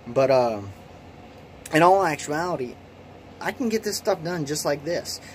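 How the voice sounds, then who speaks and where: A late-20s man who makes kydex holsters as a hobby casually tours his small home workshop shed, rambling and self-deprecating with many restarts and ums. He has a fairly high voice with lively intonation and a measured pace. It's shot on a phone camera with slight background noise.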